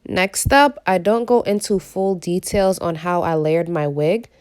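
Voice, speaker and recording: A woman beauty vlogger with a raspy, gravelly voice from a recovering cold, giving a tutorial voice-over. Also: lowish voice, unhurried, a little mellow, faint music behind.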